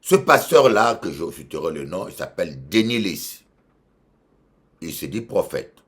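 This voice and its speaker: Preaching at a moderate pace, a Congolese bishop uses a low, sing-song voice colored by a French accent. He repeats phrases for emphasis, his loudness shifting between strong and soft.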